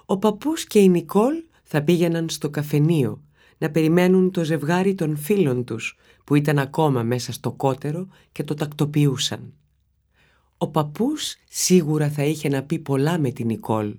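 A woman narrating a children's story in a steady, expressive reading voice. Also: deep voice.

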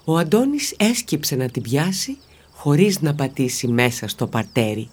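A woman narrating a children's story in a steady, expressive reading voice. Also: low-pitched, husky.

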